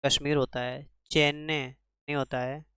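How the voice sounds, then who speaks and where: A man's voice: fairly high pitch, flat delivery, a little slow, fairly bright tone, clean tone, no room sound, studio quality. A man teaching a spelling lesson for exam preparation, quizzing the class with rhetorical questions and repeating each answer. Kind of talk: exam-prep grammar lesson.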